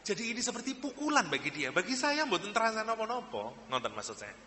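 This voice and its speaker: A man's voice: sits high, big pitch swings, fast, sharp tone, big-room sound, slight background noise. A man with a Javanese accent preaching a sermon, telling stories and acting out the people in them. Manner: acts out the people in his stories, mixing in Javanese phrases. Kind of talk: sermon with storytelling.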